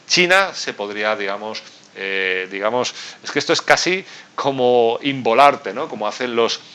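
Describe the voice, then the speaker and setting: A man from Spain explaining economics step by step, talking straight to the viewer and checking in with quick tag questions. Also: mid-range voice, bright, forceful tone. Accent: Spain Spanish. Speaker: business expert and investment channel host. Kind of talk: explanatory talk to camera.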